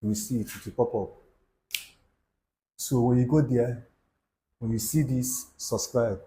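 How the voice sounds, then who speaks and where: The audio is poor, but the voice comes through as mid-range, unhurried and mellow: a young Nigerian YouTube host with an Igbo accent giving a preachy, repetitive motivational talk to camera, with Pidgin asides.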